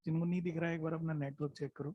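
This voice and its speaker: A man teaching biology in an online class, mixing Hindi with English terms, dictating notes slowly and repeating each phrase, often checking in with "hai na?". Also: fairly high pitch, level tone, husky, no room sound, highs cut off. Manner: mixes Hindi with English terms, calls students "beta".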